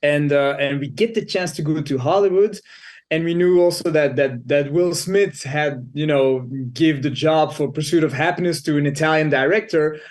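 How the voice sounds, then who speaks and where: Candid, stammering man, higher voice. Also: normal speed. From Belgium. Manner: stammers and repeats words, candid. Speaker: film director, guest. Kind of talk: casual interview conversation.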